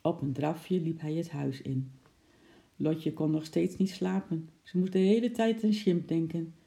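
Gravelly, dark-voiced children's storyteller. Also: mid-range voice, fairly even intonation, a little slow. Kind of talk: reading a children's story aloud.

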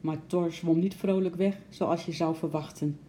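A woman narrating a children's story aloud in a gentle, expressive way. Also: fairly low pitch, normal speed, a little hiss or hum.

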